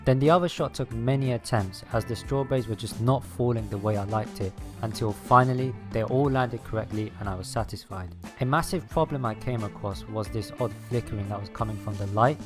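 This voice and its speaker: A man reading a scripted voice-over as a video creator, explaining his process step by step. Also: fairly low pitch. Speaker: video creator narrating his own making-of. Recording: music behind the voice. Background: background music.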